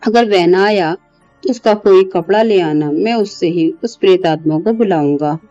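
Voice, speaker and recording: A woman's voice: fairly low pitch, moderate pace, dark tone, dry recording, lo-fi sound, soft background music, natural voice. A woman playing a stern male exorcist who gives firm orders in a horror story. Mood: commanding. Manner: commanding.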